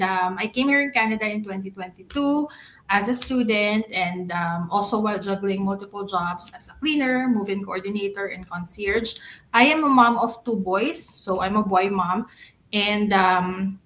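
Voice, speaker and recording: Young woman, from the Philippines, bright tense voice, podcast guest, cheerful. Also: medium pitch, low-quality recording. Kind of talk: podcast chat.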